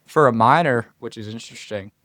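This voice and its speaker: On a dry recording, a young man speaks at medium pitch with a fairly bright tone and a slightly quick pace. As a college freshman from Florida guesting on a podcast, he talks earnestly in casual interview style, thinking aloud with restarts and quoted asides.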